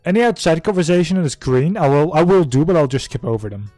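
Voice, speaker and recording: A man's voice: a little high, expressive, moderate pace, dark tone, no echo, soft background music. A young man giving casual commentary as he streams a game, speaking close on a desk microphone. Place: indoor room, webcam setup. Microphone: desk microphone with headset.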